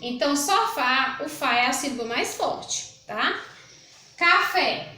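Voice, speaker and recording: A Brazilian Portuguese woman teaching a primary school grammar lesson, patient, repeating words slowly and checking in with the children. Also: high-pitched, animated, bright, forceful tone, reverberant.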